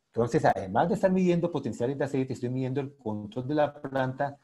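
A man's voice: mid-range voice, a little fast, mellow. A man with a Colombian accent giving an enthusiastic technical presentation online, speaking straight to his audience. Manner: enthusiastic, addresses audience directly. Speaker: lecturer.

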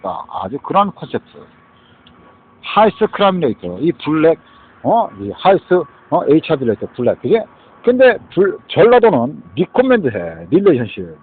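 A man's voice: on the high side, huge pitch swings, moderate pace, husky. A man giving a rambling monologue, mixing in English words and often tossing in "huh?" and "right?". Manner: mixes English words into speech, keeps asking "huh?" and "right?". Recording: tinny phone-like sound.

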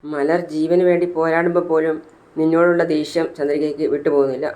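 A woman's voice: sits low, level tone, quick pace, mellow, lightly acted. A narrator voicing a scheming woman who scolds and reasons with the mother. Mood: scolding. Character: scheming young woman, impatient.

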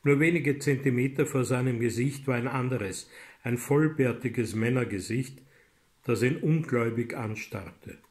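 A man from Austria, an author reading his own story aloud in a measured, dramatic way. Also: medium pitch. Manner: measured and dramatic, rising in loud passages. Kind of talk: literary reading.

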